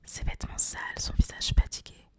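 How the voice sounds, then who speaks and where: A young adult woman doing ASMR book talk in a hushed, breathy library whisper with no voice behind it. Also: brisk. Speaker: host of a book recommendation video. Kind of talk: whispered ASMR talk about favourite books, with some reading aloud.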